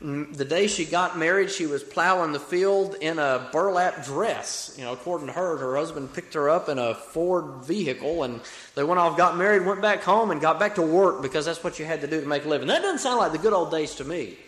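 Young Alabama-accented preacher in an echoey hall. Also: male voice, a little high, brisk, a bit bright. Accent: Alabama Southern American. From Alabama, United States. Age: young adult. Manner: earnest, folksy, repeats phrases for emphasis. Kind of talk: sermon. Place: reverberant room, preaching to a congregation. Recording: echoey hall with long reverb.

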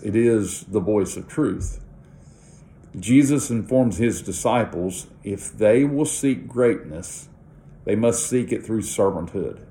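A man's voice: lowish voice, warm tone. Earnest man giving a morning devotion. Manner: earnest, conversational, with light laughs. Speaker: devotional podcast host.

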